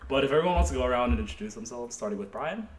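Fast-talking young man hosting. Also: mid-range voice, expressive. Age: 20s. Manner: quick, joking, teasing. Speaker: podcast host. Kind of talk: casual chat. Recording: echoey room, faint noise.

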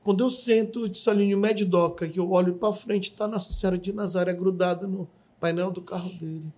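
Husky-voiced man telling a testimony. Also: sits high, fairly even intonation, brisk. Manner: vivid storytelling, acts out shouts and quotes. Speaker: podcast guest giving testimony. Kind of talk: emotional personal testimony.

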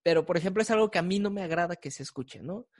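A podcast co-host with a Mexican accent, chatting casually, laughing often and filling pauses with hesitant sounds. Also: mid-range voice. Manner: giggly, lots of hesitant fillers. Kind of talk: casual chat.

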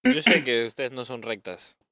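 A man's voice: mid-range voice, very animated, moderate pace, sharp tone. A man hosting a podcast, joking crudely and teasing his guests in casual banter. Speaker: podcast host.

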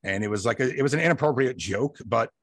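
A man's voice: medium pitch, fast talker, a bit bright, slightly rough, no echo. A man hosting a podcast, chatting casually in an easygoing, agreeable way. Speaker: podcast host.

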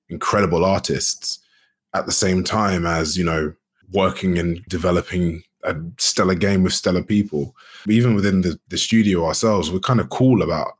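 A man being interviewed as a guest, speaking in a relaxed, rambling way with many "you know"s and restarts. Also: deep voice, breathy edge. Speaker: guest, actor and game studio founder. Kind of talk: casual interview chat.

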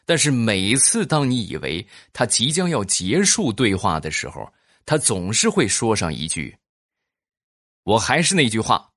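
Lively low-voiced man telling jokes. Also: normal speed, dry recording, clean studio sound. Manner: animated joke-telling, teasing the audience. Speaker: podcast host. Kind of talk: comedic monologue and reading listener comments.

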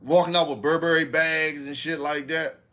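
A man's voice: on the high side, steady tone, moderate pace, bright, forceful tone. A man hosting a podcast, telling a story in casual, profane slang and often asking "you know what I'm saying". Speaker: podcast host.

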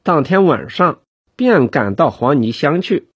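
A man narrating a novel chapter as an audiobook, telling it slowly and expressively. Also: a little high, big pitch swings, husky, no echo.

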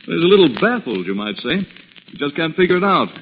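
An actor playing a cheerful, amused gentleman in a 1940s radio drama. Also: a little high, very animated, a little fast. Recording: muffled, hissy old radio broadcast.

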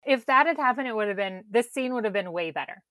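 A woman's voice: a little high, animated, fast talker, bright, forceful tone, no room sound, clean studio sound. Wry woman recapping a show. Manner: wry, quotes characters in mocking voices. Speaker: podcast co-host. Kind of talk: casual recap chat.

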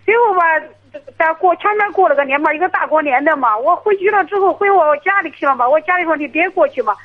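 High, fast, halting woman on a tinny phone line. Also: expressive. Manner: halting, hesitant, restarts often. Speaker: caller. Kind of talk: phone-in to an advice show.

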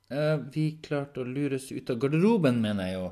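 A man's voice: mid-range voice, sing-song, warm tone, pitched above the performer's own voice. A man voicing a confused schoolboy in an audiobook story, hesitant and stammering. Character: confused schoolboy, dazed and uneasy.

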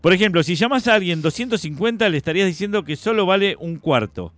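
A man's voice: high voice, lively intonation, quick pace, a bit bright. A man with an Argentine accent co-hosting a podcast, sharing trivia in a playful, joking way. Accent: Argentine Spanish. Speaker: podcast co-host. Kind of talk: casual chat.

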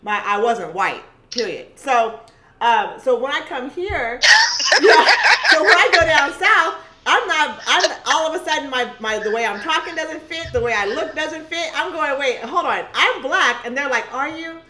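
A woman in casual conversation, talking in an animated and emphatic way. Her voice sits fairly high, and her tone is bright. She often breaks off and restarts her sentences. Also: moderate pace, slight background noise. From Costa Rica.

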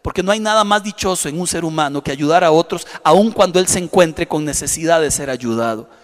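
High-voiced pastor preaching. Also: male voice, brisk, big-room sound. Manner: emphatic preaching with storytelling. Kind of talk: sermon.

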